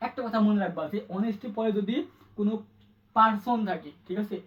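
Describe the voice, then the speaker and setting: A man teaching an exam-prep grammar lesson, quick and repetitive, asking his students questions again and again. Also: high-pitched, distant mic, muffled recording. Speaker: English tutor.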